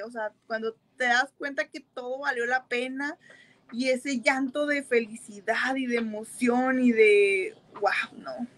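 A woman's voice: fairly high pitch, a bit bright, poor audio. A woman with a Mexican accent who chats casually while applying makeup, giggling and leaning on fillers as she talks. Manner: chatty, giggly, full of o sea fillers. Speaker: makeup seller and host.

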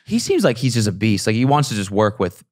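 A man in his late twenties, a podcast guest in casual chat, teasing with dry quips and short agreements on a studio boom mic. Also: big pitch swings, quick pace, darkish tone, no room sound. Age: 20s. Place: dim studio with neon sign. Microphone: boom mic, headphones. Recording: dry close studio sound.

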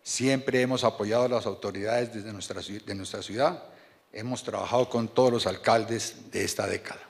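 Older man giving a formal speech, echoey hall. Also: on the low side. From Colombia. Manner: measured and earnest, reads from paper with small restarts. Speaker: board chairman giving a speech. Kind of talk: formal speech read from notes. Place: large banquet hall at a podium. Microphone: podium microphone on a stand. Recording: reverberant banquet hall.

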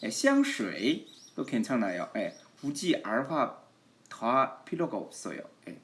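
A man's voice: mid-range voice, huge pitch swings, fairly bright tone. A man teaching a lesson in Korean, patiently and with frequent affirming interjections. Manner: patient, repeats "예" often, slow model readings of Chinese. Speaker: Chinese language teacher. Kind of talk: online language lesson.

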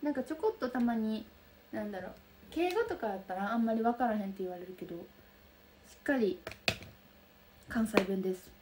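A young woman with a soft Kansai accent chatting casually on a livestream, reading out and answering viewer comments. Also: a little high, expressive, a little fast, pauses often, background noise. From Kansai region of Japan. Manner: soft, bubbly, chatty with frequent laughs. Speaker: livestream host. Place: room lit by daylight.

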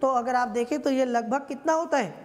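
A woman with a high-pitched voice gives an exam-prep history lecture. She explains in a conversational way and keeps checking in with her listeners. Her voice carries a long, ringing reverb. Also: brisk. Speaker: history teacher.

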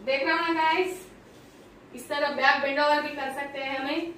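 High-voiced woman in an echoey home gym. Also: fairly even intonation, moderate pace, a bit bright, recorded from a distance, a little hiss or hum. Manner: chatty, addresses viewers directly, upbeat. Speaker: fitness vlogger. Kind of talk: casual workout demonstration. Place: small home gym room, indoors. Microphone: camera at a distance. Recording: very echoey room, voice from afar.

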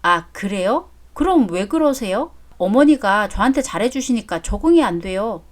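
A woman voicing a polite young daughter-in-law who speaks softly and respectfully in a story drama. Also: medium pitch, animated, normal speed, lightly acted. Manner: polite, soft-spoken. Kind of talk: story drama read aloud.

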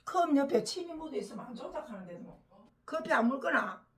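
An older woman from the Gyeongsang region with a Gyeongsang accent, chatting casually to camera at home over morning coffee. She teases her husband, laughs often and sometimes drops to a soft murmur. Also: sits high, very animated, a little fast. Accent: Gyeongsang Korean. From Gyeongsang region, Korea. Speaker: vlogger, home caregiver.

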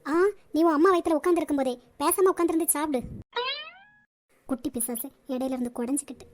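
A woman's voice: very high-pitched, fairly even intonation, racing, slight background noise. Woman voicing a snappish jealous young woman. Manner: snappish, possessive.

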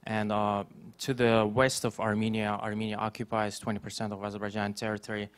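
Audience journalist, man, low monotone, smooth, halting. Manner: halting, frequent uh fillers. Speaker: journalist asking a question. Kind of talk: audience question.

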